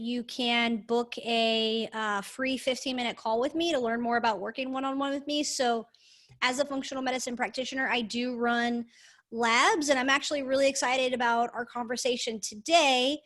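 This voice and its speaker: A woman with a fairly high voice co-hosts a podcast in a casual, enthusiastic way, stressing and repeating words for emphasis. Her microphone has a hallway echo, so the voice sounds like it comes from an echoey indoor space. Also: steady tone, normal speed, fairly bright tone. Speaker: podcast co-host.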